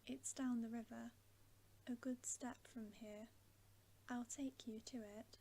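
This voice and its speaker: Woman reading as an earnest, hushed male beaver. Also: fairly high pitch, steady tone, slow, gravelly, a little hiss or hum. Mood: earnest, solemn. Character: stern, earnest male talking beaver, loyal guide. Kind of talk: whispered storybook character reading.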